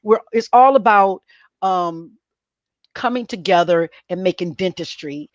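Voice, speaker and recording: A woman's voice: fairly low pitch, unhurried, no room sound, lo-fi sound. A woman co-hosting a podcast in an upbeat, casual chat, often repeating words as she gets going. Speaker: podcast co-host.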